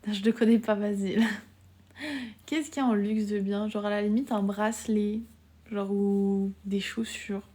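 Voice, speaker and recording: A young woman from France chatting casually on a live stream. She often drops into soft whispers, giggles a lot and uses casual slang. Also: medium pitch, steady tone, a little slow. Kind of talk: live-stream chat with viewers.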